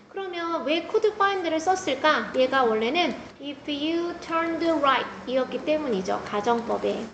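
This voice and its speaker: A middle-aged woman teacher with a high voice works through grammar points for her class, talking the students through each step. She sounds far from the microphone, in a very echoey classroom. There is clear background noise behind her. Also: a bit bright. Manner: explains step by step and tells students to take notes, with asides to them. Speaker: English teacher.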